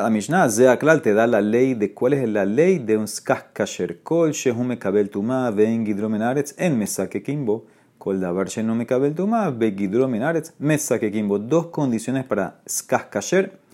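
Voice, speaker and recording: A man teaching a Talmud class online. He explains the Gemara lively, mixes Hebrew and Aramaic terms into his speech and rises sharply when he quotes the rabbis. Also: mid-range voice.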